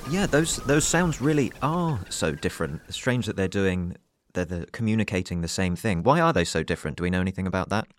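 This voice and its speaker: Deep-voiced man asking curious questions. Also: expressive, brisk, slight background noise. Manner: curious, hesitant, with restarts. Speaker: podcast co-host. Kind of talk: interview questions.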